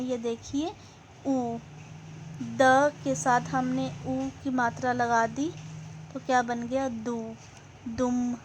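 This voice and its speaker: A high-pitched woman teaching a class, speaking slowly and deliberately. She poses questions to her pupils and then answers them herself. A faint hum of noise sits behind her voice. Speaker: school teacher. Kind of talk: classroom grammar lesson.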